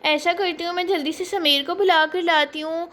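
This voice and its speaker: A woman's voice: very high-pitched, fairly even intonation, a little fast, fairly bright tone. A woman voicing a chatty, fussing young woman doll who acts like a big sister. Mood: nagging.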